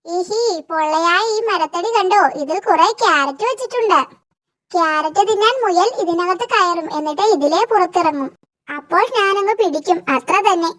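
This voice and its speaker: Soothran, a sly squeaky trickster jackal. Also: moderate pace, fairly bright tone. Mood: scheming. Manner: sly, chuckling, bossy. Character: sly scheming trickster jackal, boastful and cunning. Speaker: cartoon character. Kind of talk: children's cartoon voice acting.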